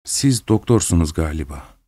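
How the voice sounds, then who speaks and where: A man's voice: sits low, expressive, moderate pace, mellow, dry recording, voice pushed down. A man reading a story, voicing a furious, defiant widow who speaks in cold, cutting accusations.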